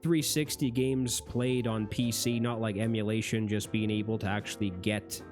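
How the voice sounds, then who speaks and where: Hoarse man rambling about old games. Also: fairly low pitch, flat delivery, moderate pace, a little mellow, soft background music. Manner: rambling, corrects himself mid-sentence. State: hoarse, losing his voice. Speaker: gaming channel host. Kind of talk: casual nostalgic vlog talk.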